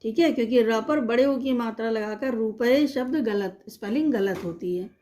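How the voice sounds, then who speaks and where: A young woman with a high, light voice guides young pupils through a lesson. She breaks each word into its sounds and repeats them patiently, asking simple questions as she goes. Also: dark tone, a little hiss or hum. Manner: slow, patient, spells words sound by sound. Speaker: teacher. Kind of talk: online primary-school lesson.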